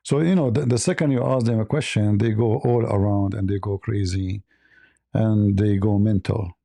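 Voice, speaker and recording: A man hosting a livestream debate, raspy and mocking, halting with many fillers. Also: fairly low pitch, fairly even intonation, dark tone, no echo. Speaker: host.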